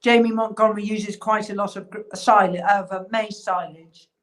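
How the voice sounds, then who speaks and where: A woman's voice: medium pitch, steady tone, moderate pace. Woman explaining her craft, thoughtful. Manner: thoughtful, explanatory, with frequent fillers. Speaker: cheesemaker guest. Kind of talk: casual interview chat.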